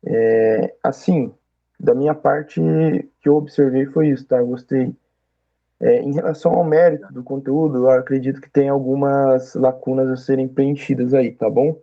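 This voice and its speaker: A man's voice: mid-range voice, fairly even intonation, moderate pace, dull audio. A man acting as an oral exam examiner, giving patient, explanatory feedback and checking often that he is understood.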